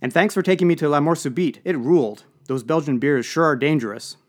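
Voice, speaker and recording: Guy putting on a high bubbly voice for an excitable young sporty girl. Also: quick pace, lightly acted. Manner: enthusiastic, breezy. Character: bubbly young athletic female intern.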